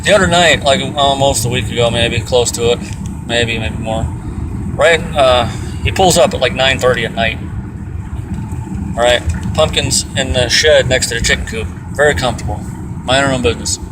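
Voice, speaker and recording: A man on an angry, exasperated swearing tirade, venting explosively in a casual personal rant. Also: normal speed. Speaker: aggrieved pet owner venting. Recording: distant mic, loud fan and outdoor rumble. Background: air vent fan, vehicle-like ambience.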